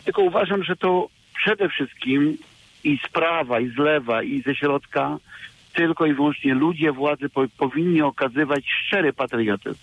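A man calling in to a radio phone-in show, heard over a phone line, speaking earnestly and measured with some filler sounds. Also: a little high. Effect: caller heard over a phone line on radio. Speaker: radio call-in caller. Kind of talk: phone-in opinion.

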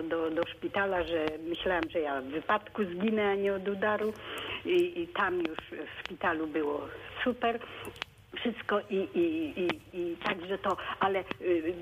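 A woman phones in to a radio show and speaks in a halting way, full of fillers and restarts, excited as she talks. Her voice sits a little low and comes through a dull, muffled phone line with a clear hiss behind it. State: excited, by her own words. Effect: phone call into a radio show.

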